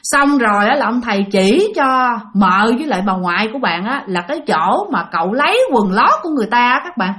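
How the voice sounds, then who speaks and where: A woman's voice: a little high, expressive, a little fast, hardly any pauses, fairly bright tone. Chatty woman storyteller. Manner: chatty, addresses listeners directly. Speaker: storytelling channel host. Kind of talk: spoken ghost-story narration.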